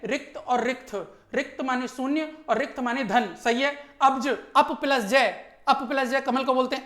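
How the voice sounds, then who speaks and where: High-voiced male teacher in an echoey room. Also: fairly bright tone. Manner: brisk, emphatic, keeps checking in with listeners. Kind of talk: exam answer-key walkthrough.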